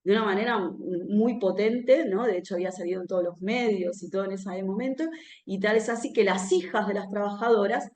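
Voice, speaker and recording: A woman's voice: medium pitch, fairly quick, darkish tone. Argentine woman speaking in a roomy echo. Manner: conversational, often ends phrases with a questioning "no?". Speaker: speaker at a political talk. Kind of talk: live public talk. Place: room where a talk is held, with an audience.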